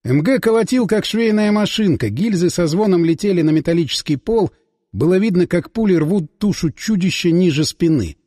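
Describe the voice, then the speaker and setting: A man reading first-person audiobook narration with lively storytelling delivery. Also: sits high, moderate pace, no room sound, studio quality, long reverb tail.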